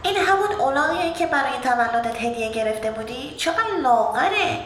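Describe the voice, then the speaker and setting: A woman's voice: high-pitched, expressive, fairly bright tone, voice pushed up. A woman reading a storybook, voicing a boastful city boy cousin who mocks everything in the village. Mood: mocking. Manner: mocking, boastful. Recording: roomy echo with background noise.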